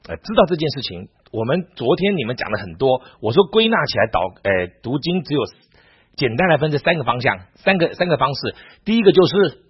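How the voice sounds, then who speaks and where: A man teaching a Bible class in a lively, repetitive way, stumbling over restarts. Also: on the high side, husky. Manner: animated, repeats words, stammers on restarts. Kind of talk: teaching talk on Bible reading. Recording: dull lo-fi sound.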